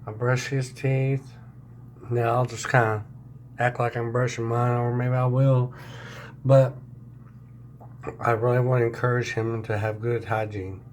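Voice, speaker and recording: A man talking casually in an unscripted video diary, halting and searching for words, his speech affected by new dentures and a swollen mouth. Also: mid-range voice, little pitch movement, darkish tone, slight background noise. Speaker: vlogger sharing dental recovery diary.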